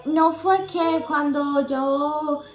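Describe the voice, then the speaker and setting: High-pitched young woman sharing a faith testimony, earnest and halting, roomy echo. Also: fairly even intonation, soft background music. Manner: earnest, halting, many fillers and restarts.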